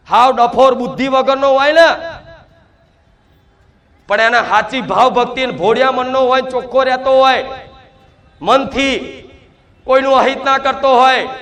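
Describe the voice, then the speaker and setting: Very high-voiced male preacher. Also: a bit bright. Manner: preaches in first person as the mother goddess, addressing devotees; fervent, repeats rhetorical questions. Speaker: devotional preacher. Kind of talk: sermon.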